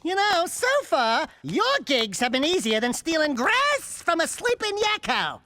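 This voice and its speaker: A man's voice: very high-pitched, big pitch swings, measured pace, sharp tone, dry recording, full character voice. An actor voicing a small, cocky, wisecracking male rodent sidekick in a cartoonish video game, brash and jokey.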